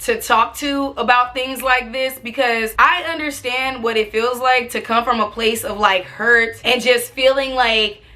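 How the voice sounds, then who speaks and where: A young American woman telling a casual storytime in a sassy, expressive, slangy way with plenty of swearing. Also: on the high side, unhurried, few pauses. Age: young adult. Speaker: storytime vlogger.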